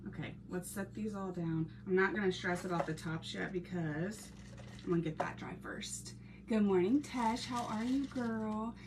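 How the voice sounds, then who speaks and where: A woman's voice: medium pitch, normal speed. Texan woman, crafter hosting a live stream, chatty and laughing, noisy hiss behind. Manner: chatty, laughs often, greets viewers by name. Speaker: craft channel host reading live chat. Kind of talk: casual live-stream chat while painting.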